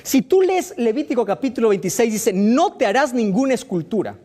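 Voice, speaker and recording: A man's voice: extremely high pitch, very animated, brisk, a little mellow. A pastor preaching a sermon, firing rhetorical questions at his listeners with emphatic delivery.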